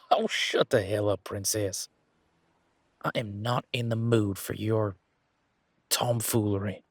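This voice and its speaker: Man playing Gavin, gravelly low-voiced flirty werewolf. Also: fairly even intonation, takes it slowly, long pauses, a bit bright, no echo, heavily acted. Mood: playfully flustered. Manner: teasing, informal, conversational. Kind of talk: roleplay audio drama, one side of a dialogue.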